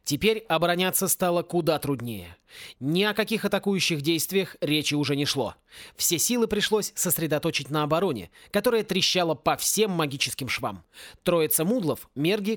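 A man narrating a homemade audiobook in a lively, animated reading style. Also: a little high, normal speed, dry recording, studio quality. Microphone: close home studio mic.

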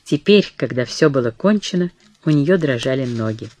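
A narrator giving a steady, measured audiobook reading of a historical novel, voicing the dialogue quietly. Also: mid-range voice.

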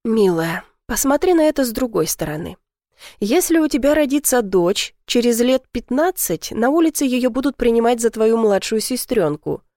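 Woman reading as a gentle, teasing girlfriend. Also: on the high side, animated, moderate pace, no echo, clean studio sound, lightly acted. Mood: soothing. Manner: gentle, soothing. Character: cheerful, joking young woman, a best friend.

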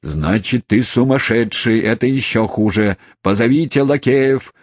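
A man voicing a hot-tempered elderly male host who shouts and blusters in a storybook reading. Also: medium pitch, lively intonation, dry recording, studio quality, voice pushed up. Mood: furious. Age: older. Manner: gruff, quick to anger.

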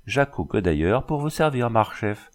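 A man's voice: on the low side, very animated, moderate pace. A man reading a boastful, fussy French army dragoon in an audiobook, raising his voice for the role. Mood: fawning. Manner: fussy, keeps repeating a title.

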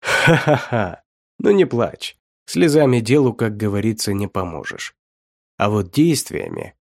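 A man's voice: on the low side, huge pitch swings, a little slow, vocal fry, darkish tone, no echo, clean studio sound, full character voice. A man voicing a cruel, mocking male villain who taunts his captive in an audiobook. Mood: gloating. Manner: taunting, sneering, laughs at his victim. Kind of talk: audiobook reading.

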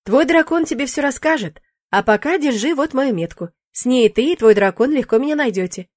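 A woman's voice: high-pitched, animated, brisk, a little mellow, no echo, studio quality, pitched above the performer's own voice. A woman voicing a playful, teasing young male demon in an audiobook, in a cheeky, bantering manner.

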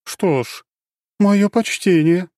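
A man voicing a playful, sly and powerful dark goddess in an audiobook. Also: high voice, slow, dry recording, studio quality, voice pushed up. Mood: wry. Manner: teasing and giggly, turning grave. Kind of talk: audiobook character voice.

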